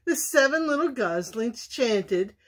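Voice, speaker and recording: A woman reading a children's bedtime story aloud, slowly and expressively. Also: on the high side, lively intonation.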